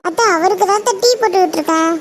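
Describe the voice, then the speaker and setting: A woman's voice: very high-pitched, very fast. A woman voicing a meek, put-upon young wife in a cartoon, talking in a pleading, apologetic way. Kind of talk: cartoon voice acting. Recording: audible background noise.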